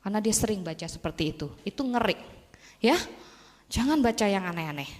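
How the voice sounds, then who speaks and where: A woman giving a motivational talk, telling animated stories and acting out the voices of the people in them. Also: mid-range voice, a little fast. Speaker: motivational speaker. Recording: long hall reverb.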